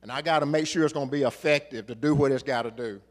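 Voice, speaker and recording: A middle-aged man preaching a sermon, repeating phrases for rhythm and building to emphatic shouts. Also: medium pitch, quick pace.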